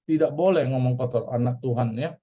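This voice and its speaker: A man's voice: medium pitch, a little fast. A man with an Indonesian accent teaching a church Bible class in a casual, chatty way, asking questions and repeating key words. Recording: dull lo-fi recording.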